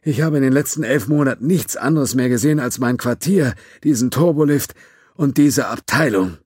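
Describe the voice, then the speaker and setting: A man's voice: mid-range voice, moderate pace, a little mellow, breathy edge, no echo, clean studio sound, pitched above the performer's own voice, natural voice. A man reading an audiobook, voicing an overworked, sarcastic male starship engineer who snaps at everyone. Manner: exasperated, sarcastic outbursts. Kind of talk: audiobook character voice.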